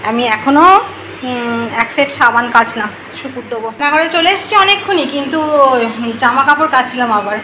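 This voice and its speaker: A woman's voice: high-pitched, brisk, pushed and bright, a little hiss or hum. A woman vlogger, chatting casually to the camera about her morning at home. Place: rooftop and home, outdoors and kitchen.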